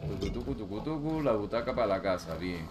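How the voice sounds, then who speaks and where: A man giving casual, excitable let's-play commentary, full of loud exclamations and joking slang. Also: on the low side, a little fast, noisy background. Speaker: gaming channel host. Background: loud game music.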